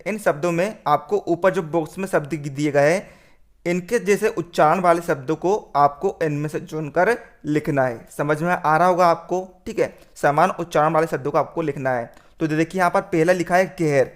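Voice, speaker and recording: A male teacher working through a worksheet lesson. He keeps saying "theek hai" and calls the students "friends.". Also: on the high side. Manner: repeats "theek hai", addresses "doston".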